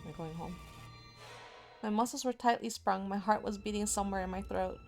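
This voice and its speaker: A woman streams herself dramatically voicing a horror visual novel, adding spontaneous asides along the way. Her medium-pitched voice has a darkish tone and a brisk pace, and game music plays behind it.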